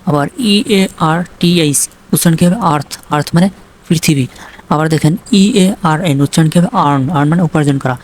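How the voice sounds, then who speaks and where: A teacher runs a video lesson on English spelling and sounds. Each point is put as a question and answered right away, then repeated as a drill. Quick "right?" checks keep the students following along. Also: mid-range voice, a little hiss or hum. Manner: asks a question and answers it himself, drilling by repetition.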